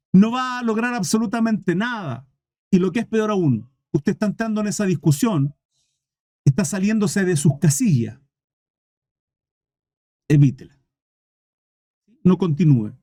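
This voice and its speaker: A man's voice: high voice, warm tone, no room sound, studio quality. A man preaching a sermon as pastor, emphatic and repetitive, speaking straight to his congregation.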